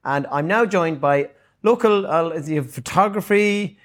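A man with an Irish accent hosting a casual podcast interview, chatty and quick to chip in. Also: on the high side. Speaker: podcast host. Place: furnished upstairs room in a venue.

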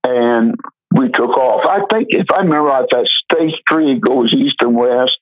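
Older male pastor, folksy storyteller, husky voice, dry phone-line sound. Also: mid-range voice, a little slow, dry recording. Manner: folksy, rambling anecdotes with frequent fillers. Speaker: retired pastor and memoir author. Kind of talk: storytelling in an interview.

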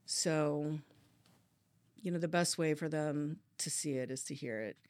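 With a deep, slightly mellow voice, a woman who works as a police dispatcher reflects openly in an interview, frequently halting and restarting. There's no room sound.

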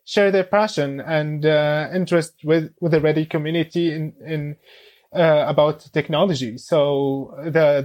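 A man in his twenties from Syria, a guest on a podcast, speaking English with many pauses, fillers and restarts. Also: a little high, darkish tone. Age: 20s. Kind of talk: casual interview.

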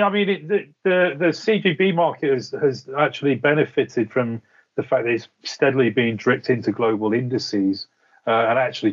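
A man's voice: mid-range voice, muffled recording. A man speaking as a guest strategist, giving unscripted market commentary in a hesitant, hedging way. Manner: hesitant, hedging, repeats words as he thinks. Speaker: investment strategist, interview guest.

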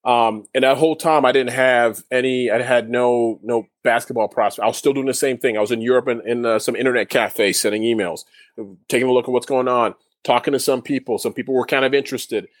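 A man's voice: mid-range voice, fairly even intonation, brisk, no echo, clean studio sound. A man, a guest in a casual interview, telling his story in a rambling way with many restarts. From Canada. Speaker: guest, former overseas basketball player.

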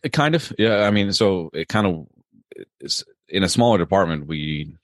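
A young man from Maryland, a police officer and podcast guest, talking casually with many pauses and restarts. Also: low-pitched, lively intonation, no room sound, studio quality. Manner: hesitant, many ums and restarts. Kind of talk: casual interview chat.

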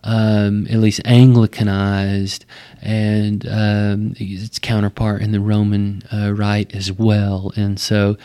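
A man with a West Texas twang, explaining things conversationally and thoughtfully like a pastor, often pausing mid-phrase. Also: on the low side, completely flat delivery, warm tone, clear, resonant tone. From West Texas, United States. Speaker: Baptist pastor.

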